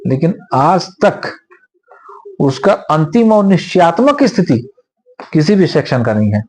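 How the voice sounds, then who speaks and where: A man who is a senior advocate, explaining law at length in an interview in a measured, lecturing way with homely examples. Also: on the high side, sing-song, a little mellow, a little hiss or hum.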